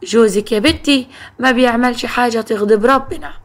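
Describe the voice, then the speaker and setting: A woman's voice: a little high, brisk, lightly acted. A woman voicing an older, strict Egyptian village mother who lectures her daughter firmly. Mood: stern.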